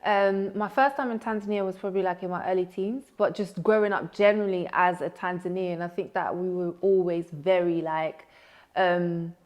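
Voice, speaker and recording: A woman's voice: fairly low pitch, steady tone, normal speed, lo-fi sound. Chatty young woman guest. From Netherlands. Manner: chatty, frequent "like" fillers. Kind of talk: casual interview chat.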